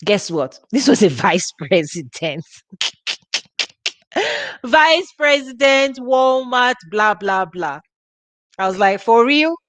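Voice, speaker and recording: A woman hosting a ministry teaches in a chatty, informal way, with a Nigerian accent and plenty of laughs and restarts. Her fairly high, animated, slightly bright voice moves at a slow pace with long pauses, in a dry recording.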